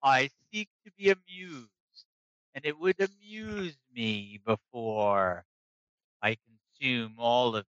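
A man voicing a menacing, proud old male dragon who speaks slowly and grandly. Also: mid-range voice, a bit bright, no echo. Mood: haughty. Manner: slow, drawn-out, imperious speech. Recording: dull lo-fi recording.

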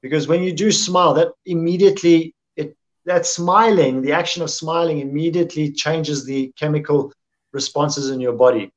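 A man's voice: on the high side, normal speed. A man from Africa, chatting casually on a podcast, earnest and repeating phrases for emphasis. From South Africa. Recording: muffled lo-fi audio.

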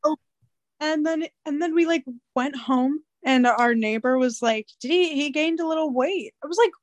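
Her voice is high and a little nasal, moving at a moderate pace in a dry recording. The young woman chats casually, spinning rambling, lively stories full of filler words.

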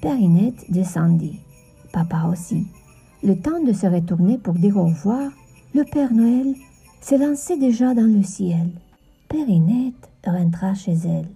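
Woman narrator, children's story, very dark breathy voice, slow, faint music. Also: mid-range voice, lively intonation. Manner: gentle storytelling.

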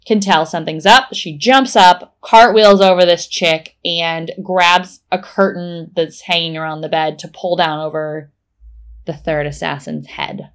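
A woman co-hosting a podcast, retelling a TV episode scene by scene in a casual, animated way. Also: lowish voice, unhurried. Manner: animated play-by-play storytelling. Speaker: podcast co-host. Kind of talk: casual episode recap chat.

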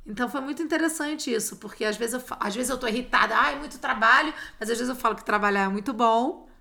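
Gravelly, bright-voiced woman. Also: a little high, fast talker. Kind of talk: casual chat.

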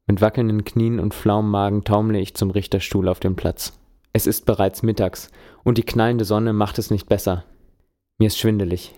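A man narrating a dramatized first-person story in a wry, colloquial way, raising his voice for shouted lines. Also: lowish voice, steady tone, moderate pace, no room sound, clean studio sound.

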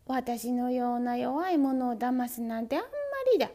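A cheeky little storybook mouse with a haughty, complaining way of talking, as a woman puts it on. The voice is warm and mellow, with lively rises and falls. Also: sits high, moderate pace, vocal fry. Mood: wailing.

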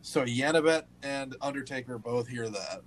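A man running a tabletop game as game master, amused and quick to react. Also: medium pitch, slight background noise. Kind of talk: casual tabletop game narration.

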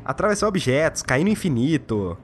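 A man's voice: on the high side, very animated, brisk, slight background noise. A young Brazilian man giving a casual, blunt and opinionated game review, swearing freely. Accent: Brazilian Portuguese. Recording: faint music behind the voice.

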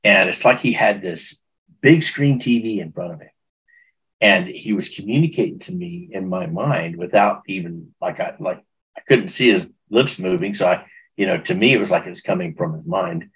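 A middle-aged man with a very low, heavily husky voice tells his story in an interview. He speaks earnestly and with feeling, circling back and restarting phrases as he goes. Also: expressive, moderate pace, a bit bright, poor audio. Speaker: guest. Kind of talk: personal testimony in conversation.

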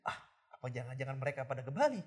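A man's voice: mid-range voice, very animated, rapid-fire. A man chatting casually on a podcast, laughing often and stumbling over hard words. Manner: giggly, stumbles over reading odd words aloud. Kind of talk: casual chat.

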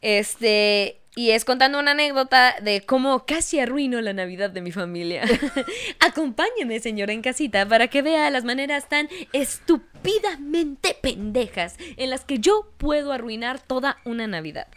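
A Mexican woman hosts a loose, casual chat, cursing easily and slipping into laughter as she tells her stories. Her voice sits a touch high and rings bright and clean. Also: moderate pace. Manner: swears freely, laughs often, lively storytelling. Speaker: podcast host.

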